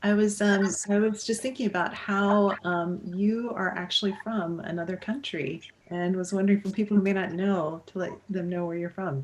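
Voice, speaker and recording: A woman's voice: medium pitch, steady tone, moderate pace, hardly any pauses, a little hiss or hum, rough recording. A woman hosting a casual livestream interview over a video call, chatty and full of fillers and restarts. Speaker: livestream host.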